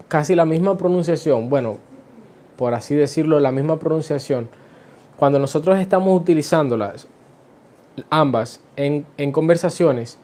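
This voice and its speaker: Guy teaching english in spanish, slow and a bit high, drags out the examples. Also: dark tone. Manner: slow, stretched-out example sentences. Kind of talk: video lesson mixing Spanish and English.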